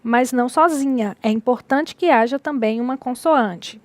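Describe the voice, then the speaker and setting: A woman teacher giving a recorded distance-learning lecture, explaining slowly and repeating key words. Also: a little high, darkish tone, dry recording.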